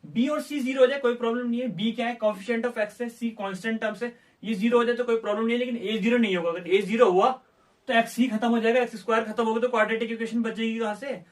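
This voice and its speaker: Man, maths teacher, high voice, lesson style, asks and answers himself, mic a bit distant. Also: fairly even intonation, quick pace. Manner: asks questions and answers them himself, voices students' doubts. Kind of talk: classroom lesson explaining step by step.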